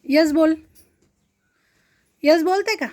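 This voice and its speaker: Woman, very high voice, unhurried, Marathi accent, coaxing baby talk with a toddler, repeats short phrases. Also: darkish tone. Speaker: parent talking to a toddler.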